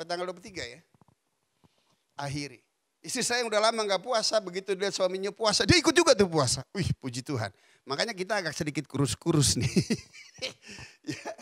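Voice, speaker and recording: Male pastor, high lively gravelly voice, dry sound, animated sermon storyteller. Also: no room sound. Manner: animated storytelling preacher, laughing often.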